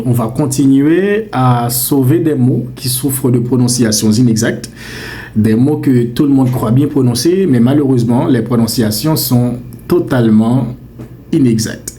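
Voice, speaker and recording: Man slowly drilling French pronunciations. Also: medium pitch, warm tone, slight background noise. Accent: Haitian. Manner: emphatic, repeats words slowly to correct them; playfully scolding, calls mispronunciations mean. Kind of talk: direct-to-camera language lesson.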